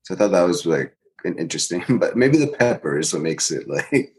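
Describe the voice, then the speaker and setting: Lively low-voiced man, amused. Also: a little fast. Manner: animated, amused, many fillers. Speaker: podcast co-host. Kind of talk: casual discussion.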